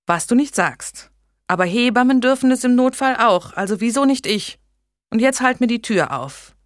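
A woman reading an audiobook gives a higher, pleading voice to a flustered, tender young woman caring for a newborn. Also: expressive, dry recording, clean studio sound, lightly acted. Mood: defiant. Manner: pleading, tearful, hurried.

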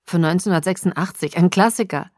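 A woman voicing a tall, cheerful teenage boy in an audiobook, pitched lower with a slightly husky tone. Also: quick pace, a little mellow, no room sound, studio quality, close to an everyday voice. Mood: easygoing. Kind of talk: audiobook character voice.

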